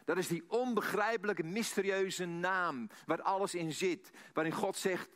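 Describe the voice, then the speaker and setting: Male preacher, higher voice, dramatic, drops to near-whisper, repeats key lines. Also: measured pace. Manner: dramatic, swings from hushed near-whisper to emphatic; repeats phrases for emphasis, uses "hè?". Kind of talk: sermon.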